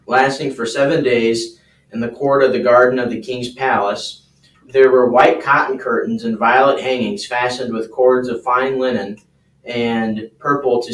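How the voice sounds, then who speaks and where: A man reads scripture aloud to a class in a steady, measured voice and throws in short asides. His voice is of middling pitch. He sits away from the microphone, so the room's echo wraps around him. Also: far from the mic. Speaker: class helper and scripture reader. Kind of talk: reading scripture aloud and chatting. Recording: roomy sound, away from the mic.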